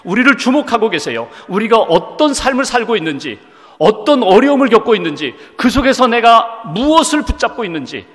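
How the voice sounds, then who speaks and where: A man's voice: high-pitched, sing-song, a little fast, a bit bright. A male pastor preaching a sermon in a church, asking the congregation questions as he goes. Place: church sanctuary. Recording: long hall reverb.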